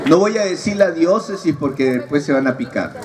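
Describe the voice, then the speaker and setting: A man's voice: fairly high pitch, lively intonation, brisk. A man giving a humorous preaching talk at a youth retreat and teasing his audience. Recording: distant mic, audible crowd, noisy.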